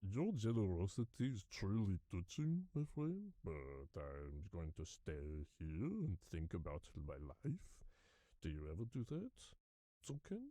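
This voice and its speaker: A man's voice: deep voice, big pitch swings, a little slow, warm tone, dry recording. A man playing a wistful, introspective male cat henchman in a cartoon game, with a ponderous delivery.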